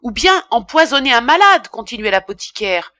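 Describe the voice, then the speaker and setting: Audiobook figure: woman reader doing an irascible, self-important male pharmacist, loud indignant tirades, bright tone. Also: medium pitch, expressive, unhurried, dry recording, lo-fi sound. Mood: ranting. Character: pompous middle-aged male apothecary, irascible.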